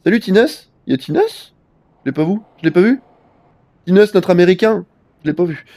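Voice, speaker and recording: High-voiced and creaky, with big pitch swings and a warm tone, this young live-streaming gamer talks a little fast through a head cold. He rambles in slang with frequent fillers while playing, and the recording is dry.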